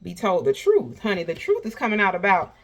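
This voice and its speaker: A woman's voice: medium pitch, huge pitch swings, brisk, slight background noise. A woman with a slushy lisp on her s sounds, chatting casually and sassily to viewers as she reads tarot. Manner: folksy, sassy, addresses viewers as honey and baby. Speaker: tarot reader host.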